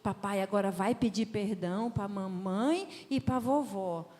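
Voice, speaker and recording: A little boy, solemn and bossy, scolding like a grown-up, as a woman puts him on. He speaks slowly and quietly, in a voice pitched lower than her own. A long hall echo hangs on every word. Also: close to an everyday voice. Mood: tender. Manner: mock-stern, slow and quiet. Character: small grandson playing a stern parent.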